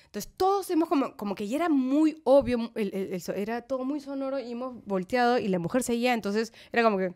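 A woman with a Peruvian Spanish accent, an actress telling anecdotes as a podcast guest in an animated, laughing way. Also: fairly high pitch, quick pace, hardly any pauses. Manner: animated, laughing storyteller who acts out quotes. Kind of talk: casual storytelling interview.

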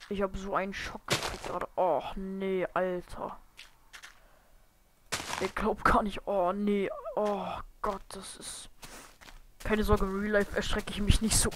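A woman giving casual gameplay commentary on a desk microphone, muttering and whispering asides to herself, now and then bursting into loud startled shouts. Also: mid-range voice, flat delivery, slow pace. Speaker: let's play gamer. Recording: noisy home mic with hiss and clicks.

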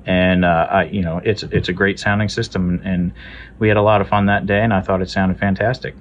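A man in his thirties, a sound engineer, explaining his mix in a relaxed way with many fillers, filmed on a phone indoors. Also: sits low, fairly quick, a little hiss or hum. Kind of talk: casual explanation. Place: indoor room. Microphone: phone selfie video. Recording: dull lo-fi phone audio.

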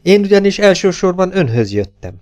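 An earnest middle-aged suitor, as a male audiobook narrator plays him, speaking higher than the narrator's plain voice. He weighs and stresses each word with a measured, deliberate delivery. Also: very animated, a little mellow. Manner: measured, emphatic.

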